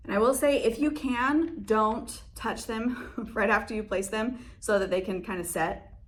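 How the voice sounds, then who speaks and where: A woman's voice: fairly high pitch, a little slow. A young woman chatting casually through a lash-application tutorial in her salon, laughing often and using lots of fillers. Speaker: beauty vlogger.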